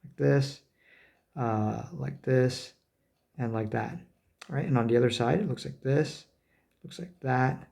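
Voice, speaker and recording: A man giving a math lecture, talking as he draws, with many fillers, self-corrections and quick "right?" checks. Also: mid-range voice, creaky, a little mellow. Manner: talks while drawing, frequent fillers and self-corrections; rhetorical "right?" checks with students. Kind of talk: recorded lecture at a board.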